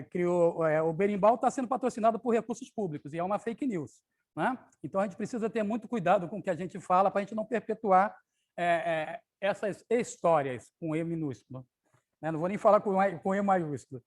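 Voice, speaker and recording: High-voiced male capoeira storyteller. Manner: explanatory, audience-addressing. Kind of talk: children's story reading with asides.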